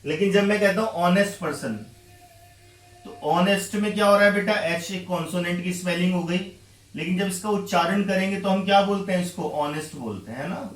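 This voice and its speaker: A man's voice: high-pitched, little pitch movement, brisk, soft background music. A man teaching English grammar to students, with an Indian accent, patient and repetitive, calling his students beta. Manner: patient, repeats points, addresses students as beta. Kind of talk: classroom explanation. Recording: echoey room, heard from a distance.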